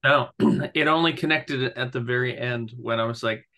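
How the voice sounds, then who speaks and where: A man's voice: medium pitch, normal speed, bright, forceful tone. A man co-hosting a casual podcast discussion, with wry, self-deprecating humor. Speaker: podcast co-host.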